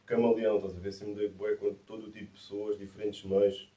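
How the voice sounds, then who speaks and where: A man in his twenties with a Lisbon accent and a deep timbre, chatting casually in laid-back street slang as an interviewed musician. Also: flat delivery, a little fast, dark tone. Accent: Lisbon Portuguese. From Massamá, greater Lisbon, Portugal. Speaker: musician and producer being interviewed. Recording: roomy echo, distant from the mic.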